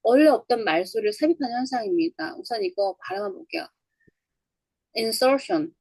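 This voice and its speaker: Gravelly teacher woman, dry close sound. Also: mid-range voice, animated, racing, a little mellow, no room sound, low-quality recording. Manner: explains step by step, repeats words for drilling. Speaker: English teacher. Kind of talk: online lecture on English phonology.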